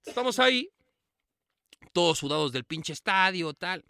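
A man's voice: high voice, animated, normal speed, gravelly, sharp tone, clean tone, dry recording, clean studio sound. A man with a Mexican accent telling a crude, slang-filled story in a casual podcast chat. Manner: crude slang-heavy anecdote telling with acted quotes. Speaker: podcast co-host.

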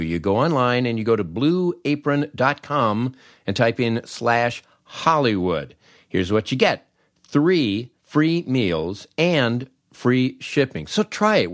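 An older man who used to be a radio disc jockey hosts a podcast, telling stories conversationally and reading ads in a chatty, wry, emphatic manner. His mid-range voice comes through with clean studio sound and no room echo.

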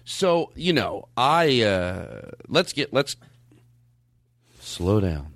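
A man hosting a podcast in casual comedic chat, rambling and halting as he keeps interrupting himself. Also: on the low side, sing-song, creaky, no echo, studio quality. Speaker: podcast host.

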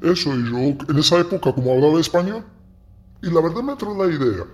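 A man from Morocco, telling his story in an interview in a halting way, repeating words. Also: fairly high pitch, expressive, a little hiss or hum. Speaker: interviewee, former smuggler. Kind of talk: interview testimony.

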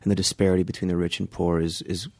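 A man in his thirties, a guest born in Guatemala and raised in Miami, talking in a relaxed, thoughtful way with many fillers and restarts. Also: deep voice, quick pace, no room sound, clean studio sound. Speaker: actor guest. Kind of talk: casual interview chat.

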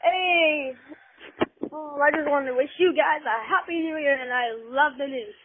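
A woman's voice: sits high, measured pace. A woman leaving a brief, cheerful voicemail, heard over a landline phone. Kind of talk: casual phone message. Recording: tinny phone line with loud noise.

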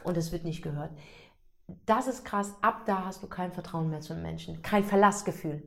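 A woman's voice: lowish voice, normal speed, gravelly, fairly bright tone. Affirming young woman host. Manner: supportive, affirming interjections. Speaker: podcast host. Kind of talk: casual conversation.

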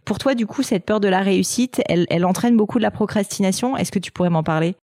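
A woman's voice: mid-range voice, fast talker, dark tone, no echo. Chatty woman hosting, dry sound. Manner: chatty, many fillers and restarts. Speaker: podcast host. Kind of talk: casual interview chat.

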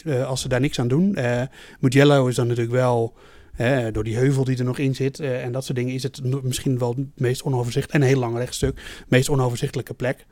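A man's voice: medium pitch, a little mellow, no room sound. Rambling Dutch-speaking male co-host, dry sound. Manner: explains at length with many fillers and restarts. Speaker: podcast co-host. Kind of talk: casual analytical chat.

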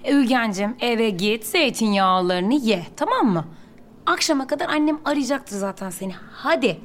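Actress as an irritable older sister. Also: female voice, a little high, lively intonation, normal speed, a little hiss or hum, lightly acted. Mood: exasperated. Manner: brusque and exasperated. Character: weary, irritable older sister, adult woman. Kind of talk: audio drama acting.

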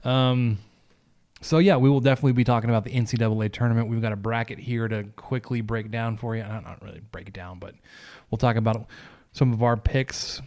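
A man from Texas with a gentle giant voice, hosting a sports podcast in a loose, informal, conversational way. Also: mid-range voice, steady tone, a little fast. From Texas, United States. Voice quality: gentle giant voice, soft and big. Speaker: podcast host. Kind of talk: casual sports podcast chat.

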